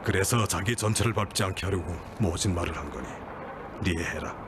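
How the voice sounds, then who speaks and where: An actor playing a calm, paternal mine director who speaks in a measured, reassuring way. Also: male voice, sits low, background noise, natural voice.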